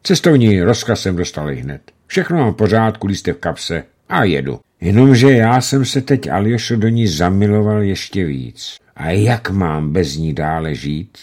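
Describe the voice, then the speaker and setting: Male audiobook narrator, low register, measured and steady delivery. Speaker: narrator reading a novel. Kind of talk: audiobook reading of a letter and narration.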